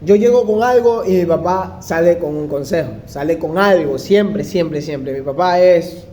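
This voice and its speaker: A young man telling a first-person anecdote in an animated way, acting out the voices of the people in it. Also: a little high, measured pace, slight background noise. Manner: animated, acts out quoted dialogue. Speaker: storyteller.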